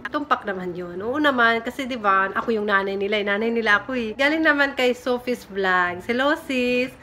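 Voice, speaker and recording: A woman's voice: a little high, animated, brisk, bright, forceful tone, a little hiss or hum. A young woman from the Philippines casually chatting on her home vlog, giggly and self-teasing as she reads viewer comments. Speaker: vlogger. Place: home room in Japan. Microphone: phone camera.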